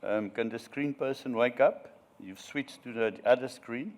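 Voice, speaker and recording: A man's voice: mid-range voice, measured pace, a little mellow. A man from South Africa running an audience poll at a live panel, teasing and jokey.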